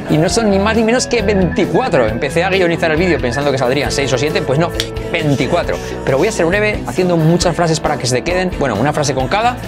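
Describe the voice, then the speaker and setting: A man hosting an English lesson, talking energetically and switching between Spanish and English, slowing down to repeat example phrases. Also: a little high. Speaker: English teacher hosting a channel. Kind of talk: bilingual English lesson, casual and upbeat.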